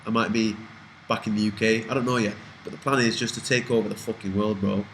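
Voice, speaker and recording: Young UK man in his twenties, slightly low pitch, loose rambling vlog talk with cursing, light background hiss. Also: fairly even intonation, quick pace, fairly bright tone, rough recording. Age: 20s. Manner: rambling, swears freely, trails off and restarts. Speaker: vlogger answering viewer questions. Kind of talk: casual Q&A chat.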